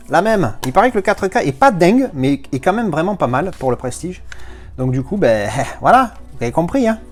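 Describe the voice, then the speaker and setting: Chatty French-speaking man unboxing discs. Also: a little high. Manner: chatty, rambling, playful asides. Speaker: YouTuber unboxing movie discs. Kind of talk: casual unboxing chat.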